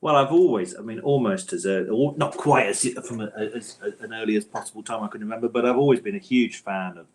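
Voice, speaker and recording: Talking fast with few pauses in a fairly low voice, this middle-aged man, an author and audio drama scriptwriter, responds to interview questions thoughtfully and hesitantly, frequently rephrasing. A little hiss or hum is audible.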